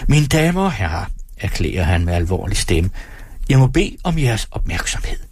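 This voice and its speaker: A man's voice: medium pitch, big pitch swings, breathy edge, no echo, clean studio sound, pitched above the performer's own voice. A man reading an audiobook plays a sarcastic, theatrical stand-up comedian teasing someone in his audience. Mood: mock-solemn. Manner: sarcastic, theatrical, mock-polite.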